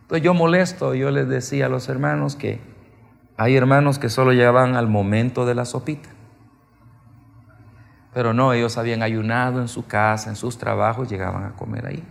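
A man preaching a sermon, telling stories with emphasis and swinging from soft to loud. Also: medium pitch, fairly even intonation, normal speed, creaky, in a large hall.

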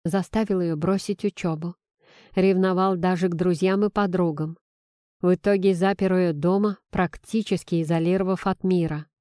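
A woman calmly narrating a first-person story as an audiobook reader. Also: on the low side, moderate pace, no room sound, clean studio sound.

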